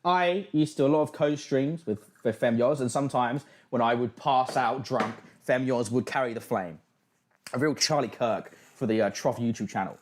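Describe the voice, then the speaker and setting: A man's voice: medium pitch, normal speed. A man with a mid-range voice hosts a casual livestream. He reacts bluntly and sardonically, swearing freely as he comments. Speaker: livestream host.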